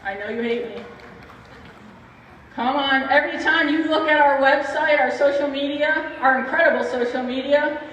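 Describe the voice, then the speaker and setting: Speaking in a high, fairly bright voice at a moderate pace, a woman hosts a ceremony as the organization's leader, addressing it informally and off the cuff. The lo-fi recording comes through an echoey, distant PA with faint noise.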